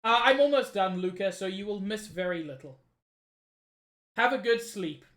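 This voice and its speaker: A woman's voice: medium pitch, animated, normal speed. A woman game streamer chatting casually with viewers while reading a game aloud. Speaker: streamer playing a visual novel game. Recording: roomy sound, game music behind. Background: game music.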